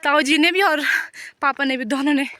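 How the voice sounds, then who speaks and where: Chatty young woman with a high voice. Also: moderate pace, sharp tone. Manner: chatty and rambling, talks while walking uphill. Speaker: vlogger. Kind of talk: casual walking vlog. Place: outdoors on a hill path through fields.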